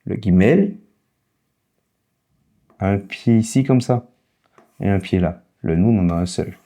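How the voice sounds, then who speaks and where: A man's voice: low voice, unhurried, dark tone. A man with a slight foreign accent teaching a casual lesson, explaining patiently and repeating key points. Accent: foreign accent in French.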